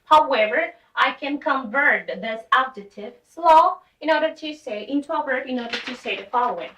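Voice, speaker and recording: A woman's voice: high voice, lively intonation, moderate pace, a bit bright, a little hiss or hum. A woman teaching grammar, explaining word classes patiently and reading example sentences aloud. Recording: echoey room, distant from mic.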